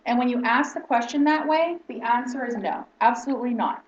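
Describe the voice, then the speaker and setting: A woman's voice: a little high, fairly quick, slight background noise. A woman instructor teaching a lesson in lecture style, explaining step by step and often checking in with "okay?". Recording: roomy, distant, dull lo-fi sound.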